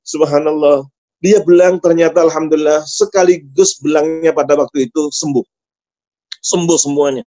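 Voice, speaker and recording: High-voiced man telling a dramatic sermon story. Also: steady tone, normal speed, mellow. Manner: dramatic storyteller, emotional swings. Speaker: preacher. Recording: dull lo-fi sound.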